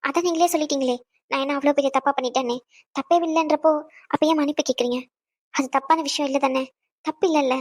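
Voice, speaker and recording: A woman's voice: high voice, fairly even intonation, quick pace, no room sound, studio quality, lightly acted. A woman voicing a proud, resentful young wife in a cartoon, answering in a cold, defiant way. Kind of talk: cartoon voice acting.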